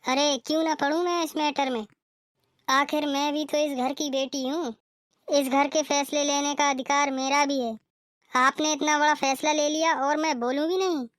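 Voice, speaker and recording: A woman's voice: high voice, steady tone, moderate pace, a bit bright, no echo. A woman voicing a protective young married daughter in a cartoon, talking urgently. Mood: scolding. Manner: urgent, insistent. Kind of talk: cartoon voice acting.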